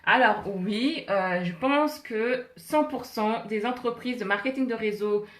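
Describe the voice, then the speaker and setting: A woman's voice: on the high side, a little slow, reverberant. A woman hosting a casual live stream from her home office, holding her phone in her hand, chatting with viewers, greeting them by name and laughing often. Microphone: phone held in hand.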